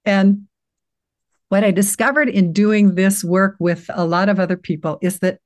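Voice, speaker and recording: An older woman gently guiding a listener through an inner awareness exercise, reassuring and unhurried, with frequent restarts. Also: mid-range voice, fairly even intonation. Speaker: guest teacher guiding a practice. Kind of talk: guided meditation walkthrough in conversation.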